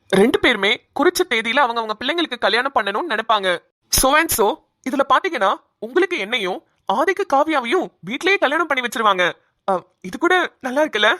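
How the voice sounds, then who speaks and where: A woman doing a calm, reassuring young man. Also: on the high side, fairly quick, dry recording, studio quality. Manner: soothing, explaining. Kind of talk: cartoon voice acting.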